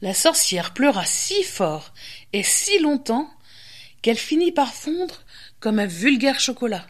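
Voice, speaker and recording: A woman storyteller and radio host reading a children's tale aloud with lively, expressive pacing. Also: a little high, slow pace.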